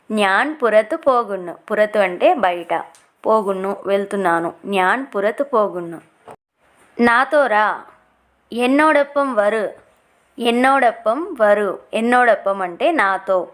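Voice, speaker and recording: A woman with a somewhat high voice teaches everyday phrases at a very slow, deliberate pace. She says each phrase twice, then breaks it down word by word for beginners. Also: fairly bright tone. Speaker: language teacher. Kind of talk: slow repeated phrase lesson.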